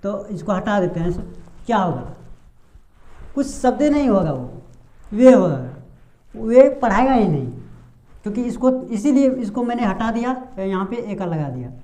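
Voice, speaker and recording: A woman teaching a pronunciation lesson patiently and step by step, pausing on drawn-out fillers and asking the class rhetorical questions. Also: mid-range voice, sing-song, mellow. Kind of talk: blackboard-style lesson explanation.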